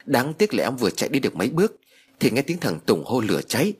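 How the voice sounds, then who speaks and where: A man's voice: medium pitch, huge pitch swings, quick pace, darkish tone, husky, pitched above the performer's own voice, full character voice. A man voicing a middle-aged woman lamenting her dead mother in a tearful, pleading way. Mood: anxious. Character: grieving middle-aged daughter wailing over her mother.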